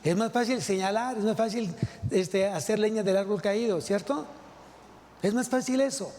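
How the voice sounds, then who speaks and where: A man's voice: sits high, normal speed, darkish tone. A male pastor with a Mexican Spanish accent preaching a sermon, asking rhetorical questions and repeating key phrases. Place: large church hall. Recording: long hall reverb.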